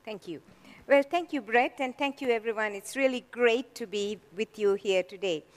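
A woman's voice: fairly high pitch, normal speed. Witty older woman speaking in a hall. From Sri Lanka. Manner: witty, laughs at her own jokes. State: slightly hoarse. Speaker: guest speaker. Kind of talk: public talk with humor.

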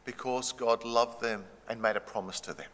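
A man, preaching a sermon in short measured phrases that pause for an interpreter. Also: mid-range voice, fairly even intonation, fairly bright tone. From Australia. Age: 60s. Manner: measured, pausing for translation. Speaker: pastor. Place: church hall. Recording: long reverb of a church hall.

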